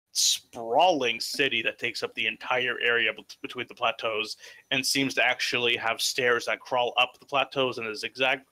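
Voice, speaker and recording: A man narrating an improvised tabletop game as game master, informal and halting, sometimes swearing. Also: medium pitch, pushed and bright.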